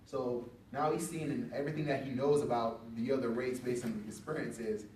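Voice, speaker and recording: A man on a veterans panel, telling a story in a casual way and getting animated when he quotes people. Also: mid-range voice, brisk, a little hiss or hum. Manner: conversational, animated when quoting others. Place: event hall. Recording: echoey room from a distance.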